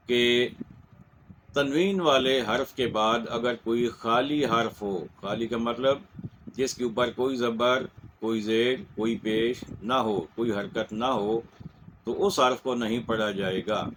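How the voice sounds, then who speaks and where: A man with a Pakistani Urdu accent giving a slow, patient lesson in Quran recitation, repeating each point. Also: mid-range voice, steady tone, a bit bright, a little hiss or hum, rough recording. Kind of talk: step-by-step lesson.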